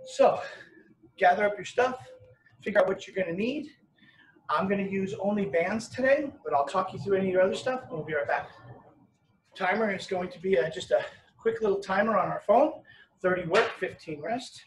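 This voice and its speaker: A man's voice: sits high, moderate pace. A man in his fifties explaining workout moves step by step as a fitness coach. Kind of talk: instructional workout demonstration. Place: hard-walled home gym or patio workout space. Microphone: camera a few metres away. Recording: roomy, distant mic with background noise.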